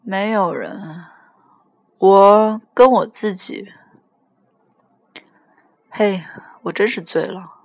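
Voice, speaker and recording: A woman voicing a drunk teenage boy on the phone, slurred, loud and pleading. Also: medium pitch, slow pace, pauses often, no echo, clean studio sound.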